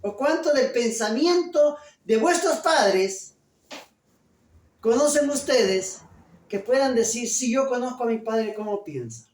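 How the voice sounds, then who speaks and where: A pastor delivering a sermon, loud and emphatic, full of rhetorical questions. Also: male voice, very high-pitched, lively intonation, slow. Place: church. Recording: echoey church from a distance.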